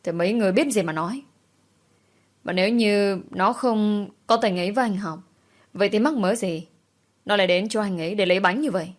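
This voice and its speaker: A shrill, quarrelsome woman, put on by a woman narrator hurls accusations at full volume. She speaks fast and pushes hard. It is a spoken storybook scene. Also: close to an everyday voice. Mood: accusing. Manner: accusing, yelling.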